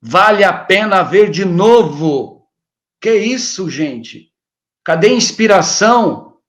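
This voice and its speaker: A man's voice: high voice, animated, slow pace. A man with a Brazilian Portuguese accent giving a motivational self-help talk, speaking straight to the listener in a coaxing, repetitive way. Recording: roomy, echoey room sound.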